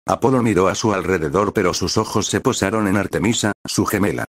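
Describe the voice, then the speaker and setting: Low-voiced man reading a fan story. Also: fairly quick, slightly rough, no echo, clean studio sound. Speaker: fan fiction reader.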